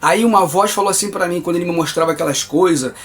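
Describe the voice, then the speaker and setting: A man's voice: high voice, fast talker, fairly bright tone. A man with a Brazilian Portuguese accent giving an earnest, emphatic religious testimony and calling his listeners brother.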